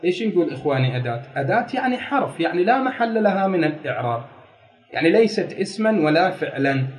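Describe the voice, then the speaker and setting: A man lectures on grammar in a fairly high voice, moving step by step through a text. He repeats key phrases and poses rhetorical questions to the class. The sound is roomy and echoey, picked up from a distance. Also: darkish tone. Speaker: grammar teacher.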